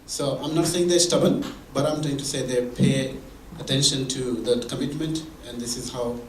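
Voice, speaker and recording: A man's voice: medium pitch, steady tone, moderate pace, a little hiss or hum. A man giving a conversational talk at a mentoring event, explaining with examples and frequent restarts. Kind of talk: conversational presentation. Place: meeting room or hall. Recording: echoey room from far off.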